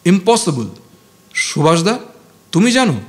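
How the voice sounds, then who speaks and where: A man's voice: high voice, sing-song, unhurried. A man voicing a blunt young male student leader who speaks in a raised, pressing voice in an audiobook. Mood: brisk.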